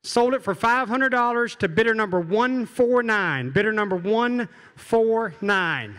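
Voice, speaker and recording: A man with an American accent working as an auctioneer, calling bids in a fast, repetitive, rhythmic chant with folksy patter, over a PA in a big hall. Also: high voice, expressive, a bit bright. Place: large event hall, over a PA. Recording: hall PA with long reverb.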